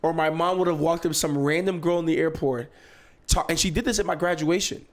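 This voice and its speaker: Animated young male podcast host. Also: on the high side, a little fast. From Nigeria. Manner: animated, acts out quotes with laughter. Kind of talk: casual storytelling chat.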